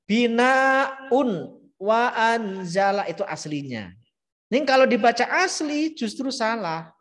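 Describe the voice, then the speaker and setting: A middle-aged man teaching Quran recitation in a live-streamed lesson, patiently explaining rules and modeling the verses in slow, drawn-out chanting. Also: extremely high pitch, animated, a bit bright. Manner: explains patiently, repeating key terms.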